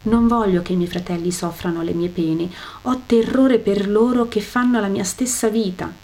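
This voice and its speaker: A woman's voice: medium pitch, measured pace, a little mellow, natural voice. A woman reading aloud and voicing a tormented rich man who begs from hell, weeping and pleading desperately.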